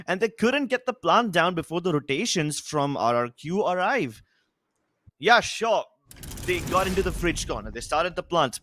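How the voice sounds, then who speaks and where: A man's voice: fairly high pitch, a bit bright, a little hiss or hum. A man esports caster giving live commentary and analysis with a theatrical, emphatic delivery.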